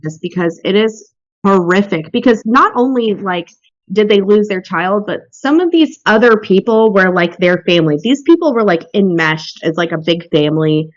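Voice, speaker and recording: A woman's voice: mid-range voice, expressive, normal speed, dry recording. Woman, podcast host, casual true crime chat, blunt, swears, lo-fi dry sound.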